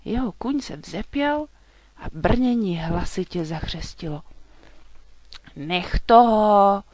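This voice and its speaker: A storyteller reading a children's storybook aloud in scripted narration, at a calm, even pace. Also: mid-range voice.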